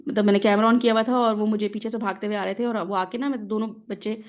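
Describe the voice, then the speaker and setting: An adult woman, a mother and religious teacher, gives a conversational lesson, patiently using everyday examples and often checking in with listeners. Her voice is mid-range with fairly even intonation, and the audio sounds dull.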